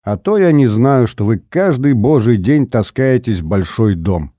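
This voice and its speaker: A man voicing a calm, mocking former agent who threatens an old officer, menacing and cold. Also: mid-range voice, measured pace, no echo, clean studio sound, close to an everyday voice.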